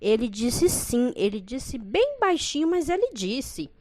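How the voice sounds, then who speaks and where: A woman voicing a greedy, desperate middle-aged bride who pleads loudly and theatrically. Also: a little high, sing-song, measured pace, no room sound, pitched above the performer's own voice. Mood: insistent.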